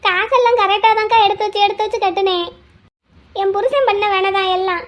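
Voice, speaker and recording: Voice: very high-pitched, brisk, a bit bright. A voice actor playing a tearful village woman in a cartoon, who pleads and laments that her drunk husband deceived her. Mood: lamenting. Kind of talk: cartoon voice acting.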